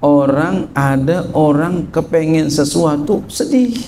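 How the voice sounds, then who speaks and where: Middle-aged male religious teacher, mellow gravelly voice, explaining a kitab in casual, animated talk. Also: fairly high pitch, takes it slowly, slight background noise. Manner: reads Arabic text then explains it in lively colloquial speech. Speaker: Islamic teacher. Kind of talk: kitab study lesson.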